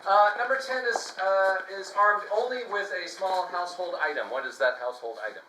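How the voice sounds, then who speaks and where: A man hosting a live improv comedy show on stage, playful and given to loud shouted announcements. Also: high-pitched, normal speed. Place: theater stage with audience. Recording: roomy theater sound with noise.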